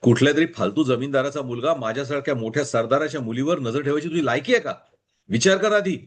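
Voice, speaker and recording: A man's voice: mid-range voice, fast, natural voice. A man voicing an arrogant, proud chieftain who bellows with scorn, in a storybook reading. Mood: scornful.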